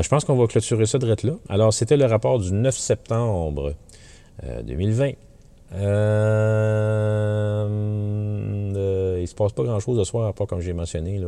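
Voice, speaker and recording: A man with a Quebec French accent rambles sardonically while driving, his voice low-pitched and dark. He trips over fillers and restarts as he rants in a casual monologue. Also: creaky. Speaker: podcast host.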